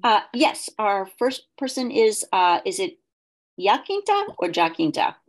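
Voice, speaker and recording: A woman with a mid-range voice runs an online group meeting over video call. She sounds hesitant, pausing often and filling her sentences with fillers.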